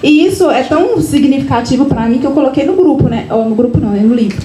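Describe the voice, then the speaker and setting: A woman's voice: high voice, animated, fast, warm tone. Chatty woman, echoey room. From Minas Gerais, Brazil. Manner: chatty, frequent tag questions and restarts. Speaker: author at her book launch. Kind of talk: casual personal storytelling to an audience. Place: event room, live audience. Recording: echoey room with faint noise.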